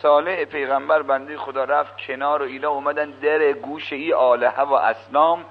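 A man, a cleric, telling a religious story in a lively, colloquial sermon, with asides to his listeners. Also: fairly high pitch, slight background noise. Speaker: cleric preacher. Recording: dull lo-fi old radio recording.

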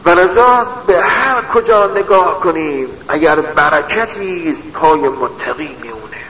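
A man preaching a religious sermon in a measured way, repeating a refrain for emphasis. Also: fairly high pitch, expressive, fairly bright tone, slight background noise. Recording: echoey hall, dull lo-fi sound.

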